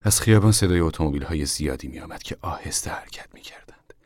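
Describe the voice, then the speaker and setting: Deep, husky male narrator. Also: dry recording, whispered, clean studio sound. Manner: measured, steady storytelling. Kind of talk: scripted narration of a radio drama.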